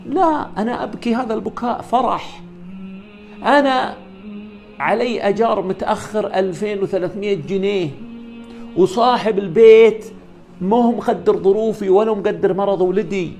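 A man's voice: high-pitched, fairly quick, few pauses, soft background music, voice pushed up. A man voicing a desperate poor father who pleads fervently in prayer. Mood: tearful.

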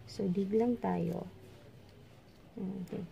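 Demonstrating plant care at an indoor table with potted plants, a woman from the Philippines chats as she works with her hands, mixing English with Tagalog and Bisaya in her Filipino Visayan accent. She's a plant vlogger, and her mid-range voice is gravelly, mellow and slow with fairly even intonation, over a little hiss or hum.

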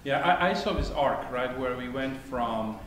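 A man from Italy, a conflict negotiator with an Italian accent, sits on a theater stage as a panelist in an onstage discussion. His mid-range, fairly bright voice is thoughtful and halting, with many restarts, and he gestures as he speaks. The stage is echoey, with faint noise.

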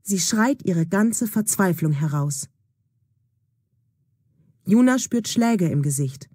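A woman narrating a storybook for language learners, unhurried and deliberate. Her voice is mellow and slightly husky, recorded close in a dry, dead space. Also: lowish voice, lively intonation, dry recording. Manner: slow, clear and deliberate. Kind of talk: scripted narration for German learners.

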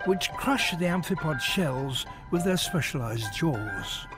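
A man's voice: on the high side, lively intonation, takes it slowly. A man reading scripted narration for a nature documentary as its narrator. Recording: music behind the voice. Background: background music.

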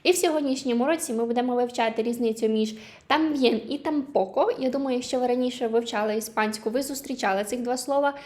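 Woman teaching a language lesson, higher voice. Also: a little mellow. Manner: patient, repeats examples slowly. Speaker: Spanish teacher.

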